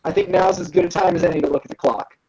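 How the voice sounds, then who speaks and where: A woman narrating as game master of a tabletop game, relaxed and hesitant with frequent ums. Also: on the low side, rapid-fire, vocal fry, dull audio, a little hiss or hum.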